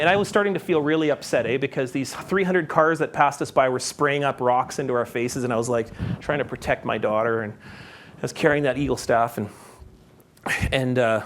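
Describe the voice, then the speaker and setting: A man's voice: medium pitch, slight background noise. A man speaks as a guest speaker. He uses an easy, conversational storytelling style, throws questions to the audience, and his voice sits in a middle range. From Canada. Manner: conversational, asks the audience, animated when telling stories. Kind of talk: public talk with storytelling. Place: conference hall.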